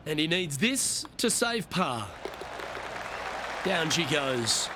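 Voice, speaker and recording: A man's voice: on the high side, sing-song, slow, crowd noise, noisy background. A man playing a golf broadcast lead commentator in a video game, reacting to shots in short phrases. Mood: engaged.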